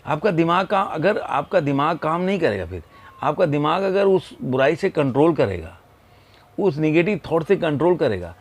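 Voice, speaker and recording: A man telling a moral story in a slow, unhurried way, pausing often between phrases, with a Hindi accent. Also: a little high, very animated. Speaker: motivational speaker.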